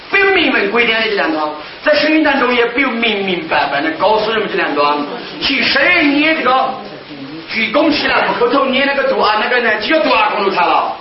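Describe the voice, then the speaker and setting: A man teaching as an imam, asking the listeners rhetorical questions and chanting Arabic prayer phrases. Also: sits high. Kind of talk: religious teaching talk. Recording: roomy, distant, dull lo-fi recording.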